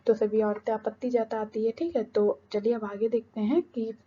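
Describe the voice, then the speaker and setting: A woman's voice: fairly high pitch, flat delivery, normal speed, mellow, slightly rough. Woman teacher explaining a lesson, muffled. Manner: reads a passage aloud, then explains it in simple words; keeps checking in with "ठीक है?" and "है ना". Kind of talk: explaining a Hindi lesson to children. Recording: slightly muffled lo-fi sound.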